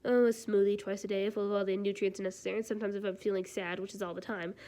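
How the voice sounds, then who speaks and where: A woman reading fan fiction aloud, voicing a cold, weary young male chef who talks in a flat, dismissive mutter. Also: medium pitch, quick pace, very noisy, lightly acted.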